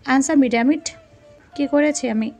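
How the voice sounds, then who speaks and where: An angry, jealous young husband, as a woman storyteller puts him on barks short threats in a fairly high voice. Faint music drifts underneath the narration. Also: slow, a little mellow. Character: hot-tempered jealous young husband, man.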